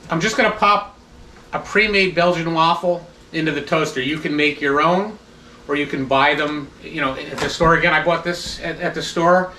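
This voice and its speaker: A man's voice: a little high, slight background noise. Man chef demonstrating in an echoey kitchen. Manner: instructive, relaxed, with restarts. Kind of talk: cooking demonstration. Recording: echoey kitchen, mic at a distance. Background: sizzling pan sounds.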